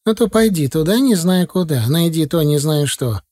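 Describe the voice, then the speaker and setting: A man voicing a stern, loud older female doorkeeper in an audiobook, scolding and bossy. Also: fairly high pitch, animated, moderate pace, voice pushed up.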